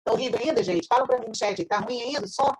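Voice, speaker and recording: A woman's voice: on the high side, quick pace, noisy background. A Brazilian woman teaching a math class online, her voice breaking up into choppy, robotic video-call audio as she explains step by step. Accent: Brazilian Portuguese. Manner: explains step by step, checks in with tag questions. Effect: choppy, robotic, glitching video-call audio.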